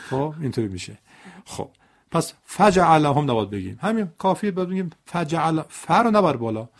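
A man's voice: fairly high pitch, big pitch swings. A man teaching Quran recitation, correcting and demonstrating pronunciation by repeating examples. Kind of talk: recitation lesson dialogue.

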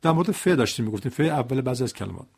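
A man's voice: medium pitch, animated, gravelly, a little mellow, slightly rough. A man teaching Quran recitation, correcting and demonstrating pronunciation by repeating examples. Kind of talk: recitation lesson dialogue.

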